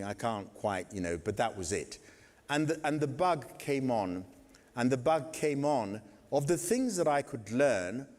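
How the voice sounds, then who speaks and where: An older man from Kenya tells stories from his life to a festival audience, wry and digressive, full of vivid asides. His mid-pitched voice carries a long reverb from the theatre hall. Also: a little mellow. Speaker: guest speaker at a theatre festival. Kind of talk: anecdotal storytelling talk.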